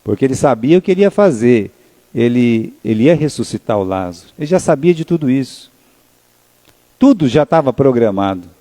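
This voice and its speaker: Brazilian pastor preaching, mellow voice. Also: male voice, mid-range voice, animated, fairly quick. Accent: Brazilian Portuguese. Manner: conversational preaching, asks the congregation questions and answers them. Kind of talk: sermon. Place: church.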